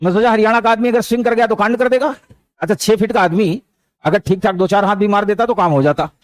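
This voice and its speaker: A man's voice: sits high, quick pace, no room sound. A man teaching a motivational lesson, speaking conversationally and weaving in anecdotes and stray English words. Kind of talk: motivational lecture with storytelling.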